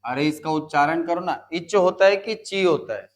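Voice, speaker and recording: A man's voice: on the high side, normal speed. A male teacher from India giving a classroom lecture, spelling out words and counting aloud step by step, coaxing students along with short prompts.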